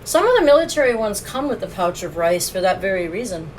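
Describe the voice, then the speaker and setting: A woman's voice: medium pitch, very animated, fairly quick, poor audio. Woman chatting to her stream while she eats, laughs a lot, faint noise in the background. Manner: chatty, laughs often, talks while eating. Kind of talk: casual live-stream food review. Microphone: phone.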